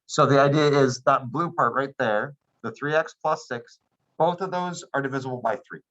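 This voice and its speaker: A man's voice: mid-range voice, moderate pace, a bit bright, muffled recording. Male math teacher lecturing a class. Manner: checks in with students often, patient and plain.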